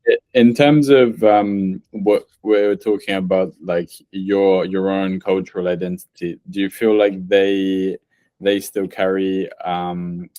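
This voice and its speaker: Deep-voiced man hosting, dry sound. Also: little pitch movement, slow, mellow, no echo. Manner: hesitant questions with fillers. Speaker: podcast host. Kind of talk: interview questions.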